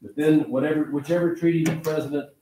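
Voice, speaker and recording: An older Oklahoma man with a fairly high, dark, steady voice lectures fast as a history teacher, emphatically repeating key phrases and quizzing the class. The medium-sized indoor classroom sounds echoey, captured by a distant camera mic at the back with background noise.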